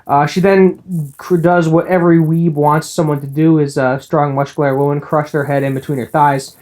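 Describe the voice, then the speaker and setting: A man's voice: a little high, flat delivery, moderate pace, a little mellow. A man giving a casual, rambling recap of an anime episode, full of ums and uhs, with the odd laugh. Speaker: anime reviewer.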